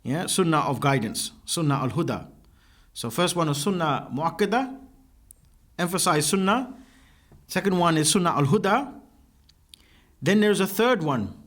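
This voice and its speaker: A man teaching a classroom lesson with a high voice and a lively, rising and falling delivery. He explains each term one at a time and keeps checking in with a questioning "yeah?". He moves about as he writes on the board. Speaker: religious teacher. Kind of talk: classroom lecture.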